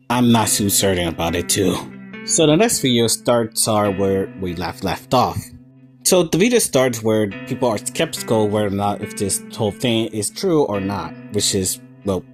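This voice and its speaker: Hosting a video essay, a man gives a casual, informal analysis of a horror series, stumbling a little over his wording. His voice sits on the low side and is slightly mellow, with faint plucked guitar music behind him.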